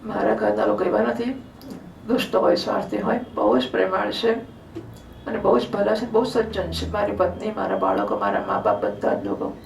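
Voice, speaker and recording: A woman's voice: mid-range voice, animated, moderate pace, vocal fry, darkish tone, slight background noise. A woman voicing a devoted family man who speaks earnestly and insistently of his kin. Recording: roomy hall, distant mic.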